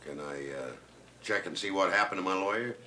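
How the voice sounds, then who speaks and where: A man's voice: low voice, a little fast, sharp tone. An actor playing a stubborn, guarded middle-aged man, a terse suspect under interrogation in a film drama. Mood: evasive. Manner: terse, stonewalling. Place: small indoor police office.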